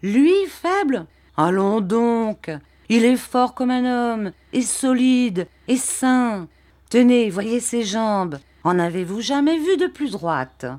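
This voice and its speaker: A woman reading a storybook puts on a grasping peasant man who pushes his bargain hard, voice lifted higher and louder. He presses every point with emphatic insistence. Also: expressive, slow. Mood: insistent.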